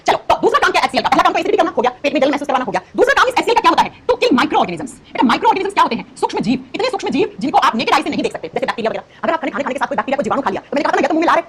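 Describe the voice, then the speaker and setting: A woman's voice: high voice, fairly bright tone, a little hiss or hum. A woman teaching an exam-prep science lesson, firing questions at her students and answering them herself. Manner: calls listeners beta and bachche.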